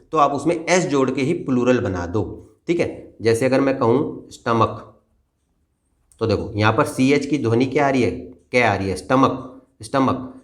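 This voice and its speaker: A man with a mid-range voice teaches children a basic grammar lesson. He is patient and repetitive, frequently checking that they've understood.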